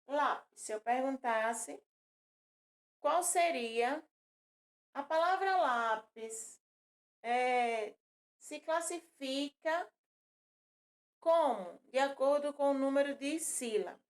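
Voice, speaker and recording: A woman's voice: sits high, expressive, slow, pauses often. A woman teaching a children's lesson, patiently repeating words and counting syllables aloud. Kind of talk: recorded classroom lesson for children.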